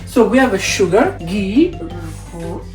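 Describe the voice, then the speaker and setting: A man's voice: high voice, very animated. Hesitant Italian man in an echoey kitchen. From Italy. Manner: hesitant, halting, with many fillers. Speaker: home cook on a cooking vlog. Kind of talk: casual chat while cooking. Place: home kitchen. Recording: echoey kitchen with soft music.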